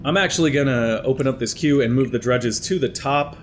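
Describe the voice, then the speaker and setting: Over a little hiss or hum, a young gaming commentator with a mid-range voice chats fairly quickly through his let's play of a strategy game. Allergies leave him slightly congested on the headset mic as he plans his moves out loud.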